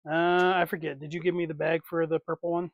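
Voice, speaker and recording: A man's voice: on the high side, level tone, a little fast, no room sound, dull audio. Man muttering while he works. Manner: rambling, talks to himself as he works. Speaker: livestream host. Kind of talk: casual live chat while swapping figure parts.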